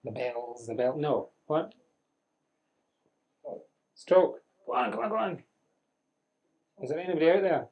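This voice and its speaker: A man's voice: on the high side, lively intonation, unhurried, long pauses, a little mellow. Man lecturing a class. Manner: conversational, questioning the class, dry humour. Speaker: medical lecturer. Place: lecture room with audience.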